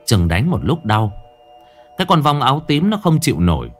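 A male storyteller narrates a ghost story with dramatic, lively delivery. His pitch moves a great deal, building suspense. Faint music plays underneath. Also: normal speed.

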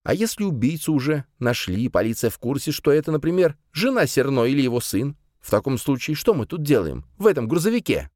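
Read by a man, this irritable old man bursts out high and loud, his voice climbing in exasperation. He shouts and complains at length, with a lively, swinging delivery in a dry, close recording. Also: a little fast, hardly any pauses, no echo. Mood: furious.

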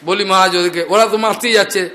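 A man with a high voice preaching a devotional story. He narrates with lively voices and slows down to chant scripture verses.

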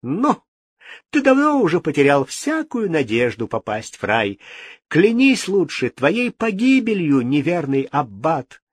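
A sharp-tongued court jester jeers in a high, loud, sneering voice, as a man puts him on. The husky tone is recorded close and dry. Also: very animated, measured pace. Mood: mocking. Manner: sneering, mocking.

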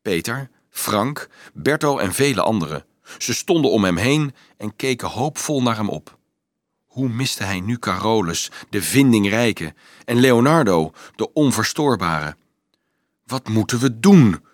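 A man narrating an audiobook in a measured, dramatic way. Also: fairly low pitch, expressive, dry recording. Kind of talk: audiobook reading.

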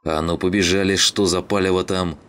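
A streetwise young survivor who pokes and teases his friend, as a man reads him. Casual and slangy, close to the reader's own very deep voice. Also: little pitch movement, fairly quick, fairly bright tone, clean tone. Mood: alert. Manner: teasing, nosy.

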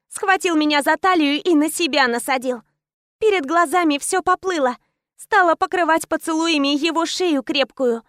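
High-voiced woman narrating intensely. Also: fairly bright tone, dry recording, clean studio sound. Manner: intense, clipped short phrases. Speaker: audiobook narrator. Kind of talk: first-person romance narration.

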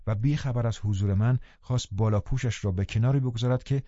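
A man calmly reading a novel aloud as an audiobook narrator, in measured storytelling. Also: mid-range voice, no echo. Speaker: audiobook reader. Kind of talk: scripted narration. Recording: dull lo-fi dry recording.

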